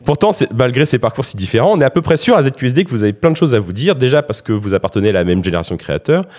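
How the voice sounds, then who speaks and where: A man hosting a podcast, reading a scripted introduction of his guests in a brisk manner, with self-mocking asides. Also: medium pitch, big pitch swings, a little mellow. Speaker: podcast host. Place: studio or room around a table.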